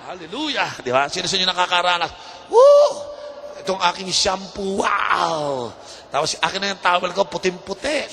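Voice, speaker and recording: Animated Filipino preacher, bright high voice. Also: male voice. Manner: animated, mixes Tagalog and English, acts out anecdotes in changing voices. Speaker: bishop preaching. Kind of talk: lively sermon with humor and audience call-and-response. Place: church hall. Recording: reverberant hall with faint ambience.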